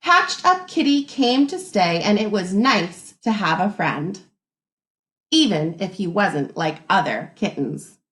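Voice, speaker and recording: An echoey room carries the medium-pitched voice of a woman teacher reading a picture book to young children. She reads deliberately and expressively, pausing to think out loud.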